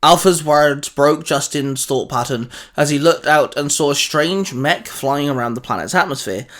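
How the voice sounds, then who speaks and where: A man tells a scripted story dramatically, reading the way a storyteller would. His voice is a little higher than most men's and slightly bright, and he speaks at normal speed.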